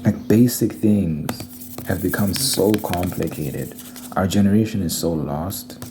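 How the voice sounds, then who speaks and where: A man's voice: sits low, measured pace. A young man rambling casually in an ASMR video, talking in an informal, slangy, complaining way. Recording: noisy recording with clicking sounds.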